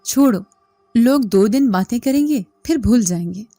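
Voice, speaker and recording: A bubbly young college girl who teases her friend and breaks into laughter easily, put on by a woman narrator. The voice sits higher and brighter than the reader's own, with little room sound and soft music playing faintly underneath. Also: animated, normal speed, no echo. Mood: teasing.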